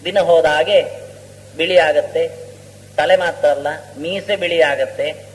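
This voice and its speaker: A man giving an epic discourse as a scholar, telling stories and reciting Sanskrit verses slowly. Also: on the high side, steady tone. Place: lecture hall. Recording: reverberant hall, faint hum.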